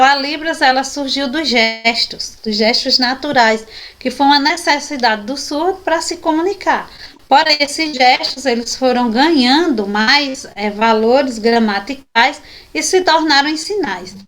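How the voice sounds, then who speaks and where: A woman's voice: sits high, a bit bright. A woman with a Brazilian Portuguese accent teaching a sign language class, explaining patiently and often checking in with her students; she is tired after a long day. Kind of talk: online class lecture.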